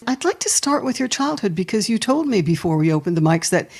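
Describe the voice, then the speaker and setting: A woman's voice: medium pitch, big pitch swings, fast talker, darkish tone, slightly rough. A woman in her sixties hosting a podcast, chatty and enthusiastic as she talks with her guest. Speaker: podcast host. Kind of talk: podcast interview.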